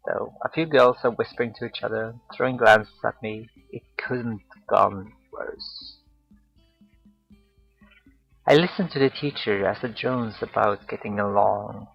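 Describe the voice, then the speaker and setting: Gravelly man narrating a story. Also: mid-range voice, lo-fi sound. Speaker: narrator reading a visual novel aloud. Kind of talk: first-person story narration.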